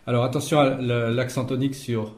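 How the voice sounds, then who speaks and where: A man's voice: medium pitch, flat delivery, fairly quick, echoey room. A man teaching an Esperanto class, patiently correcting pronunciation and explaining words step by step. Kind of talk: classroom language lesson.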